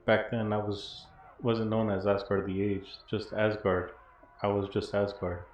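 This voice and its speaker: A man's voice: on the low side, level tone, measured pace, darkish tone, lightly acted. A man voicing a poor, blind old former smuggler from a video game, wry and bitter, in a rambling storyteller's delivery. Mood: proud, wry. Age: older. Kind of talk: reading video game dialogue in character. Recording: dull, roomy audio with faint noise.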